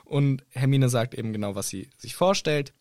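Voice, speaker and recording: A man's voice: mid-range voice, moderate pace, darkish tone, no echo, clean studio sound. A man chatting casually about a book and quoting the characters in acted voices. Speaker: podcast co-host.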